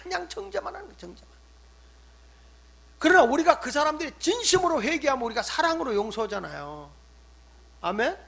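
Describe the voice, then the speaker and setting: An older man, a pastor, preaching a sermon, swinging between loud emphatic stresses and hushed asides. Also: very high-pitched, sing-song, fairly quick, gravelly, long pauses. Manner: acts out scolding quotes in conversational tone.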